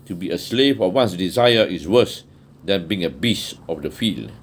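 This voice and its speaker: Low-voiced man reading a religious text. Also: lively intonation. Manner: measured, earnest reading with occasional restarts and throat clearing. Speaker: audiobook reader. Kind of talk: reading a religious book aloud.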